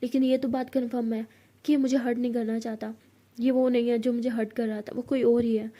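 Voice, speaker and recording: Woman voicing a placating young woman in love, high-pitched and mellow. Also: little pitch movement, a little fast, close to an everyday voice. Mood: firm. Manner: pleading, placating.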